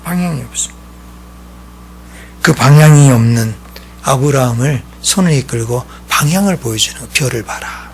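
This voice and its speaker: A man preaching a sermon as pastor, swinging between loud exclaiming and hushed whispering. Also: mid-range voice, lively intonation, moderate pace, pauses often, a little hiss or hum.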